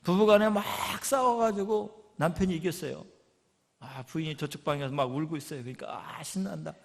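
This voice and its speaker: A man's voice: on the high side, fairly even intonation, brisk. A male pastor with a Chungcheong Korean accent preaching a sermon, telling stories with animation and acting out quoted voices. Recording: long church reverb.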